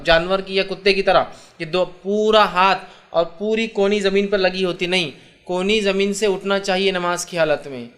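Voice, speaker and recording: Bright, high-voiced man teaching prayer rules. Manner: explains step by step, repeats key points, asks listeners if they understand. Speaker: Islamic preacher. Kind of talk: religious lesson on prayer.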